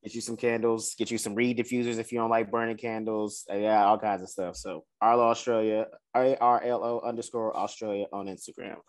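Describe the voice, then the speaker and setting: A man's voice: on the low side, little pitch movement, fairly quick, few pauses. A man co-hosting a podcast in casual chat, laid-back and slangy, swearing freely. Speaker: podcast co-host.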